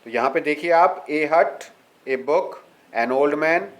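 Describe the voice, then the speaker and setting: A man teaching English grammar, reading examples slowly and explaining them step by step. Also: a little high, poor audio. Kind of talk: explaining a lesson.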